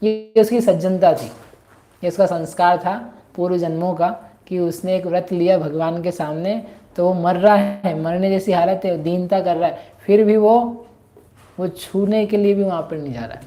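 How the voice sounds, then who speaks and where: A woman's voice: on the low side, steady tone, normal speed, mellow, soft background music. A woman teaching a scripture lesson, explaining a story and chanting verses in between.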